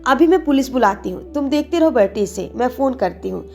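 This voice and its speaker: Woman reader as sharp young woman, twenties, brisk, audiobook. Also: medium pitch, lively intonation, vocal fry, faint music behind. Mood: scolding. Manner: brisk, commanding.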